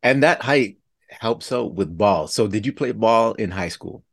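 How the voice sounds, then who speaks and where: A man's voice: lowish voice, a little slow, gravelly. Affirming male interview host. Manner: relaxed, affirming, asks follow-up questions. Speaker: podcast host. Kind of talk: interview hosting.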